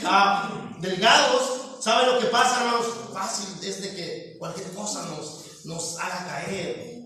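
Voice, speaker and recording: A man's voice: extremely high pitch, a bit bright. A man with a Mexican Spanish accent preaching a sermon as pastor, asking the congregation questions and calling them brothers. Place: church hall. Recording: very echoey church from a distance.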